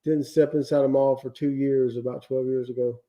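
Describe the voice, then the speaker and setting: A tired man chatting casually as co-host of a livestream, easygoing and quick with a "yep". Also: medium pitch, level tone, muffled recording. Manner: easygoing, says yep a lot. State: tired, yawning. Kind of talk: casual chat.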